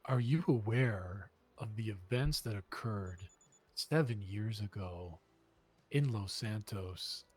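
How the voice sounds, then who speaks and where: A man in an improvised courtroom role-play, putting deliberate, formal, pointed questions. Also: fairly low pitch, expressive, a little mellow, slightly rough.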